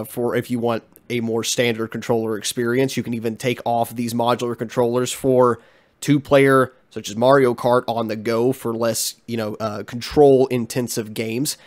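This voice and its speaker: A young man hosts a casual commentary vlog in a stuffy, congested voice, chatty and frank, with plenty of ums and uhs. His voice is mid-range with a darkish tone.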